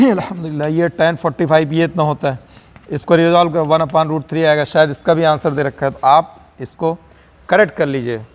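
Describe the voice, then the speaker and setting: Male physics teacher, slightly higher voice, slow word-by-word dictation, reverberant room. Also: steady tone. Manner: dictates slowly word by word, motivational asides. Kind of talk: online lecture.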